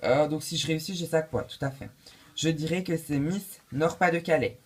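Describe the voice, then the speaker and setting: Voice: medium pitch, normal speed, lightly acted. A performer voicing an eager, unsure woman quiz contestant who hesitates and thinks aloud.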